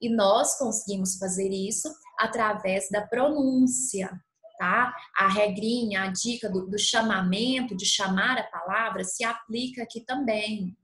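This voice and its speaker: A woman's voice: medium pitch, fairly bright tone. A woman teacher giving a lesson, drawing out example words and checking in with her pupils. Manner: slow, didactic, stretches out example words, frequent "tá bom?" check-ins. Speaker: schoolteacher. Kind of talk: recorded classroom lesson. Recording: echoey room.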